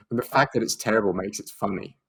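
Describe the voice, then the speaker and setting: A man with a very deep voice co-hosts a podcast styled as a jokey awards show. He talks in a loose, playful way and wanders through his thoughts with many fillers. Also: moderate pace, a bit bright, breathy edge, poor audio. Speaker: podcast co-host. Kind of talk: casual chat, mock awards show.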